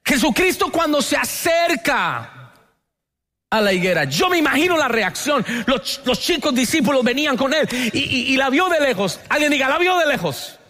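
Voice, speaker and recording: A man from Colombia with a Colombian Spanish accent, preaching a lively sermon as pastor and having the congregation repeat lines after him. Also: very high voice, normal speed.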